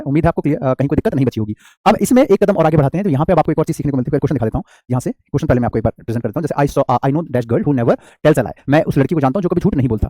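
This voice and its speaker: A man's voice: on the high side, mellow, dry recording, studio quality. A man teaching an English grammar class, explaining patiently and asking his students questions. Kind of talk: classroom lesson.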